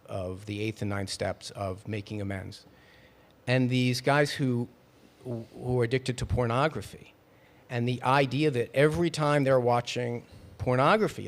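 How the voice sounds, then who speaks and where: A man in his late fifties, a podcast guest who talks in halting bursts and repeats words when pressed. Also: medium pitch, gravelly. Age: 50s. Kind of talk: debating in a podcast interview.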